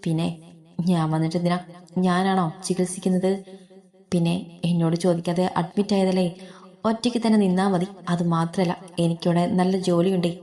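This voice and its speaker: A woman's voice: lowish voice, little pitch movement, fairly quick, mellow, lightly acted. A woman reading the part of a harsh husband who scolds and belittles his wife. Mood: scolding.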